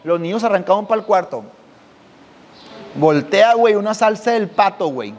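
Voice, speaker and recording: A man's voice: sits high, expressive, moderate pace, big-room sound. A man hosting a podcast, telling a personal story in slangy, casual speech. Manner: slangy, drops "güey" constantly, acts out voices. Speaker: podcast host.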